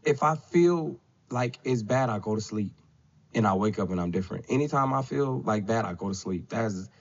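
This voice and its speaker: A man in his thirties with a somewhat low voice, sitting as a podcast guest. He talks in a loose, rambling way and keeps adding filler checks. The sound is dull and lo-fi. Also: lively intonation, moderate pace. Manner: loose and rambling, with frequent "you know what I'm saying". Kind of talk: casual conversation.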